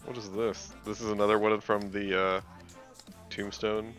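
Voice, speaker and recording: Young male co-host, low-pitched, crisp and bright, dry teasing banter, faint music behind. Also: normal speed, low-quality recording. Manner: deadpan teasing, mock-serious arguing. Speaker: stream co-host. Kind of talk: casual stream chat.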